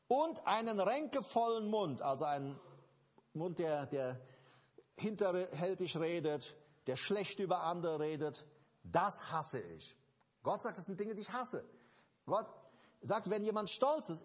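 A man preaching a sermon to a congregation, emphatic and repetitive, restarting phrases and addressing listeners directly. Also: high voice. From Germany.

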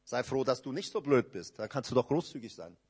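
A man preaching a sermon, emphatic, swinging between loud rising outbursts and low quiet asides, and acting out quoted speakers in short dialogue bits. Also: sing-song, fairly quick, slightly rough.

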